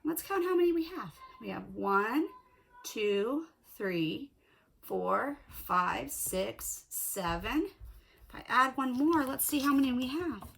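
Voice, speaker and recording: A woman's voice: high voice, expressive, slow pace, creaky, fairly bright tone. A woman teaching young children from home, cheerful and encouraging, counting and reading aloud in a sing-song way. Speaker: preschool teacher. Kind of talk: children's video lesson and read-aloud. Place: at home, indoors.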